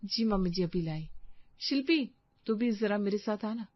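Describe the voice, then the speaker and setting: A woman's voice: mid-range voice, expressive, normal speed, muffled recording, close to an everyday voice. A woman voicing a busy young daughter-in-law.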